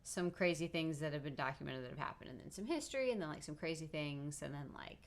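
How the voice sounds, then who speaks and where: Woman, low voice, casual podcast co-host, filler-heavy chat. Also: expressive, quick pace. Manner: chatty, many fillers like "like". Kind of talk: casual conversation.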